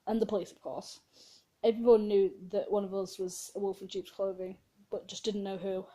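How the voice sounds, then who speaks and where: Woman, mellow warm voice, casual story reading, giggly, self-mocking asides. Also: mid-range voice, flat delivery, moderate pace, poor audio. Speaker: reader of her own story.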